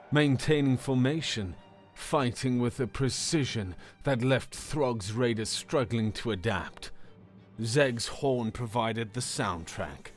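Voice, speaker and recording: A man reading a fantasy story aloud as narrator, in a steady, measured way that slows for dramatic moments. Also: medium pitch.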